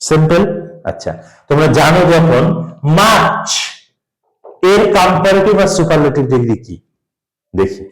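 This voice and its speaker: A man teaching a grammar class, his voice sitting a little high. He quizzes his students and has them spell words back, his delivery rising and falling with lots of movement. The room around him is roomy and echoey. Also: expressive, measured pace, pauses often, faint music behind. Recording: roomy echo.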